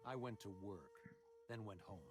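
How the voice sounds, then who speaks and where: Man playing a low-voiced, evasive politician. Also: moderate pace, natural voice. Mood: evasive, dismissive. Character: evasive, dismissive male politician. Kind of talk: English video game voice acting. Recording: music behind the voice.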